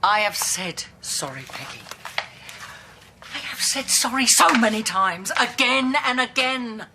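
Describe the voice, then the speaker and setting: A woman's voice: on the high side, expressive, unhurried, noisy background. An actress playing a blunt, earthy older woman in a television soap drama. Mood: reflective. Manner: blunt and earthy, softening into quiet remembering.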